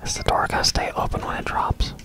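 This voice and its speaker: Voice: fast, sharp tone, faint music behind. Whispering ASMR gaming host. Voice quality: breathy unvoiced whisper. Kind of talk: whispered ASMR game commentary.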